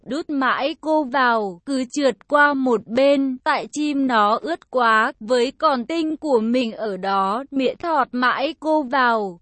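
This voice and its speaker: A woman narrating a first-person story in an unhurried way, with small chuckles. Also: high-pitched, no echo.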